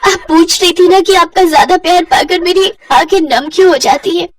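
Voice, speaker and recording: A woman's voice: extremely high pitch, normal speed, no room sound, distant mic, pitched above the performer's own voice. A woman voicing a timid, anxious young bride who pleads and stammers. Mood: tearful grateful.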